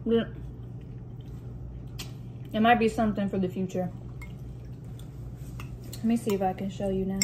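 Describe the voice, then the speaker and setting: A woman with a medium-pitched voice chats casually while eating soup, in the relaxed talk of a mukbang host. Cutlery and dishes clink in a noticeably noisy recording, and she pauses now and then to clear her throat. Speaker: vlog host reading out questions. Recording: noticeable room noise with dish and cutlery clatter.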